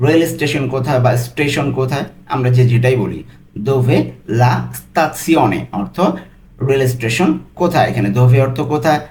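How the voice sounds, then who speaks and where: A man teaching travel phrases as a tutor, saying each one slowly and then explaining it word by word. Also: medium pitch, a little mellow. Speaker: language tutor. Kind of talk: language lesson.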